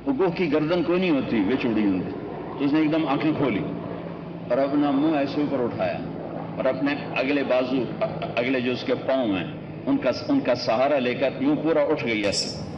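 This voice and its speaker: A man preaching with a lilt, his voice at an ordinary middle pitch. He tells stories dramatically and leaps sharply upward on the words he wants to stress. A faint murmur of the surrounding space sits behind him. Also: lo-fi sound, background noise. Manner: impassioned storytelling, pitch leaps on emphasis; addresses audience fondly as children. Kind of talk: sermon.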